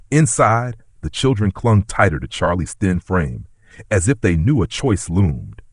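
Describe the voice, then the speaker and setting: A man narrating a dramatic story in a steady, scripted way. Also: deep voice, slightly rough, dry recording, clean studio sound.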